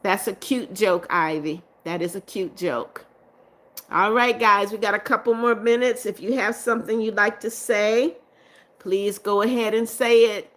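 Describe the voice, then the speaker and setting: A middle-aged woman hosts a chatty livestream, reading viewer comments aloud and answering them warmly with frequent laughter. Her voice is medium-pitched and steady, and she talks a little slowly.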